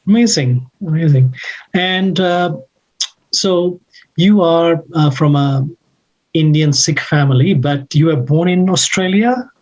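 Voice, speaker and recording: A man's voice: on the high side, slow, darkish tone, highs cut off. A man raised in Malaysia, hosting an interview, listening closely and asking long, careful questions. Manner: attentive, frequent murmured agreement. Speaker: interviewer, host. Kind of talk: interview conversation.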